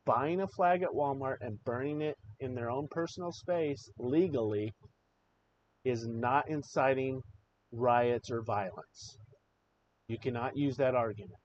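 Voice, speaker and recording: A man hosts a live stream, delivering opinionated commentary with raw, emotional passion and the odd curse. His voice sits at an ordinary pitch. The audio is a little dull, with a faint hiss underneath. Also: darkish tone. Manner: impassioned, emotional, swears freely. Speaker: livestream show host.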